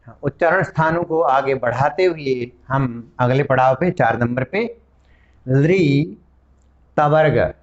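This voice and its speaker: Guy teaching grammar really slow, sounding out letters one by one, kinda dull lo-fi audio. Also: medium pitch. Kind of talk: classroom-style lesson.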